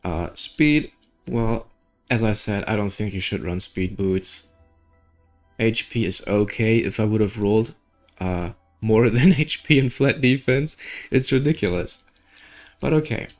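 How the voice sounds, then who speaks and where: A man streaming games reads story lines aloud at a measured pace in a fairly low-pitched voice. His casual comments come with skeptical, offhand asides, and game music runs behind him.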